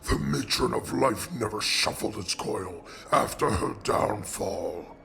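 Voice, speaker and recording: A man voicing a solemn, ancient godlike oracle who speaks as "we" in a slow, grave storytelling cadence. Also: fairly low pitch, expressive, creaky, pushed and bright, a little hiss or hum, heavily acted. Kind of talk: amateur fantasy audio drama.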